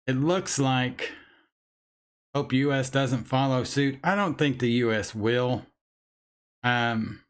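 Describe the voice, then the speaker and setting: A man hosting a casual live chat, angry, blunt and swearing as he talks. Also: mid-range voice. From United States. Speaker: vape channel host. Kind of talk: casual livestream chat reading chat.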